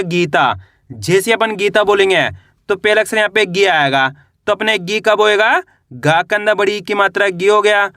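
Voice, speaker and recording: A man teaching a beginners' Hindi reading lesson, spelling words slowly syllable by syllable and asking the class to repeat. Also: sits high, pushed and bright, dry recording, clean studio sound. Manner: addresses viewers as friends.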